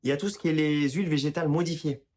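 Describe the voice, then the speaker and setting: A man's voice: on the high side, racing, a little mellow. Chatty man explaining health tips. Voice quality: apologizes for his own pronunciation. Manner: chatty, informal, addresses the viewer directly, frequent restarts. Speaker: health and wellness video creator. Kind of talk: casual explanatory talk to camera.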